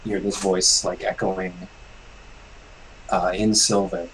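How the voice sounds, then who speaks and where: A man acting as game master, narrating a tabletop game in a measured way with pauses between phrases. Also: deep voice, flat delivery, slight background noise, rough recording.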